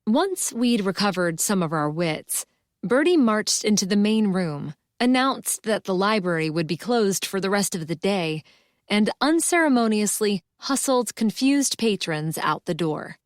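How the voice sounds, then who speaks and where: A woman narrates a cozy mystery audiobook in a mid-pitched voice. She reads scripted first-person prose in an expressive storytelling manner, recorded close and dry with no room sound. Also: unhurried, no room sound.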